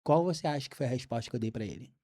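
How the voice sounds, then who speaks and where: A Brazilian man, a podcast guest, telling a faith story with lively acted-out dialogue. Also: mid-range voice, very fast. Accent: Brazilian Portuguese. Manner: animated storyteller acting out dialogue. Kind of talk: storytelling testimony.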